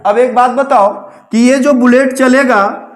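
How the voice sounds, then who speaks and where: A man's voice: extremely high pitch, fairly even intonation, takes it slowly. A man teaching English grammar to a class, repeating his questions back to the students and calling them "babu". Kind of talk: classroom lesson.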